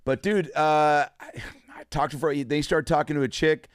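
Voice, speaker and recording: A man casually telling profane stories on a podcast, animated and laughing as he goes. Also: fairly high pitch, moderate pace, dry recording, clean studio sound. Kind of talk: casual storytelling.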